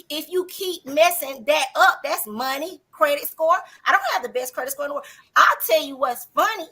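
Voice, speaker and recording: A woman's voice: sits high, sharp tone, rough recording. A woman guest on a talk show, speaking earnestly and preachily about faith and love in casual chat.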